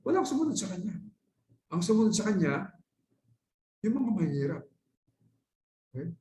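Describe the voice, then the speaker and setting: A man's voice: high-pitched, big pitch swings, normal speed, mellow, a little hiss or hum. Male Filipino lecturer in an echoey hall. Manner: conversational teaching, checks in with "okay?" and "di ba?"; mixes in English phrases. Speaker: Islamic lecturer. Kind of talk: classroom religious lecture. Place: lecture hall at a dawah center. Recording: echoey room recording.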